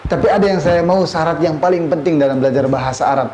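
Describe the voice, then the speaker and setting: A man's voice: a little high, quick pace, warm tone. A man from Indonesia in his thirties teaching a classroom lesson, quizzing his students and mixing Arabic phrases into his talk. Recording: echoey classroom, faint room noise.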